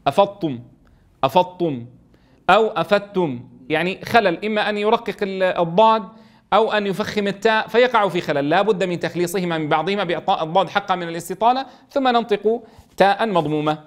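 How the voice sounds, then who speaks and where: Male tajweed teacher, raised pitch, patient, demonstrates slowly and checks in often. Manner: keeps checking understanding, slowly draws out sounds to demonstrate. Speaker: Quran recitation teacher. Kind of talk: explaining a tajweed text in class.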